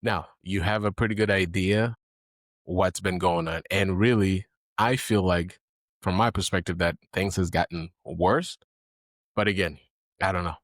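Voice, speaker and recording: A man's voice: low-pitched, steady tone, a little slow, a bit bright, dry recording, clean studio sound. A man from Haiti hosting an interview podcast, speaking in an earnest, encouraging way with many fillers. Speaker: podcast host.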